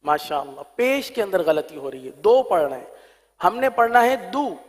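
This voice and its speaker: A man teaching Quran recitation, explaining quickly and then chanting the verses slowly and drawn out. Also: high voice, sing-song, in a large hall. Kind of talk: tajweed lesson with chanted demonstrations.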